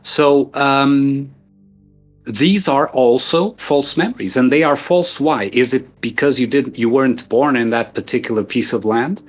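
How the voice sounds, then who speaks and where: A man from Portugal speaks English. His voice sits at a middle pitch, and he explains at length and in earnest, building each point from simple examples. Faint music plays underneath. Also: unhurried. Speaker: guest thinker. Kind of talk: casual philosophical conversation.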